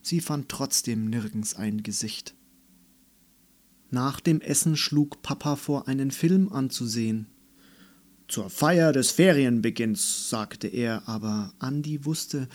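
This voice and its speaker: A man reading a children's story aloud as narrator, in a calm, measured manner. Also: mid-range voice.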